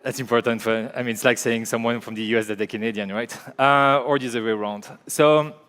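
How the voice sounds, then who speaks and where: A man in his forties speaks with a French-speaking Belgian accent at a conference, hesitant and chatty. His voice is smooth and resonant. A long reverb from the large hall trails behind him. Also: medium pitch, fairly even intonation, fast talker, a bit bright. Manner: hesitant, conversational, many fillers and restarts. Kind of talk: conference talk.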